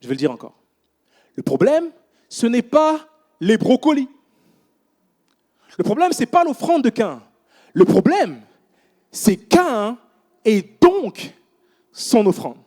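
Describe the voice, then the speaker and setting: A man's voice: very high-pitched, takes it slowly, pauses often. A man in his thirties preaching a sermon in church, telling stories with casual asides to the congregation. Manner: animated storytelling with casual asides.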